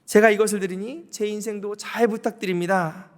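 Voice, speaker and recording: A man's voice: high voice, steady tone, brisk, natural voice. A male pastor voicing an eager young woman who pleads as she offers all her savings. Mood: pleading. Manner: pleading, chatty, louder than his preaching. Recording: long hall reverb.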